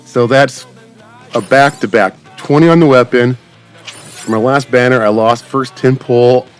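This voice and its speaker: A man with a medium-pitched voice speaks a little slowly, giving casual, rambling gameplay commentary straight to his viewers as the channel host. Game music plays in the background.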